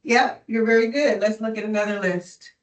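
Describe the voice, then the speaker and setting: A woman's voice: mid-range voice, normal speed, roomy sound, distant mic, rough recording. A woman tutoring a student in phonics, patient and encouraging, often checking in with "right?". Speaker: reading tutor. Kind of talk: one-on-one phonics lesson.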